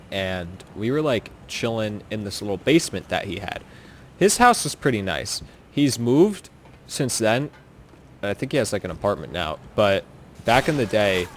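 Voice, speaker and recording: Rambling young man with a lowish voice. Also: slight background noise. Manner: rambling, leans on filler words. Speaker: co-host telling scary stories. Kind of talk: casual chat while gaming.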